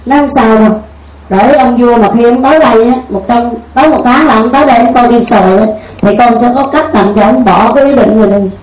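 This high-voiced woman is a storyteller and teacher, speaking fast and a little mellow in a homely, conversational manner with frequent restarts. She gives casual spoken teaching built around a folk tale, captured in a roomy, distant recording with faint ambience.

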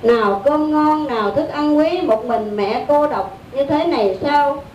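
A woman's voice: darkish tone, muffled recording. A woman voicing a grieving Southern Vietnamese mother. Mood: mournful. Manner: slow, mournful lament. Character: grieving elderly mother lamenting her dead child. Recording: echoey room, distant mic, faint rumble.

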